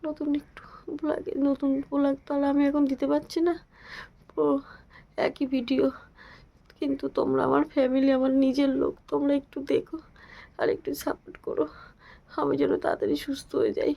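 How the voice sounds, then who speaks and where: A woman with a sore throat vlogging from home, her voice hoarse and gravelly, kept low and half-whispered. Her tone is high but dark and mellow. She speaks casually to a phone camera. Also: level tone, brisk, pauses often. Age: adult with a daughter. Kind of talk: casual daily vlog.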